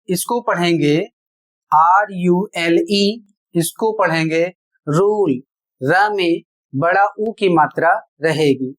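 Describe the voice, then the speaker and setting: A teacher giving a spoken pronunciation lesson, spelling words out letter by letter and explaining each rule step by step with rhetorical questions. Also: mid-range voice. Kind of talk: classroom-style spoken lesson.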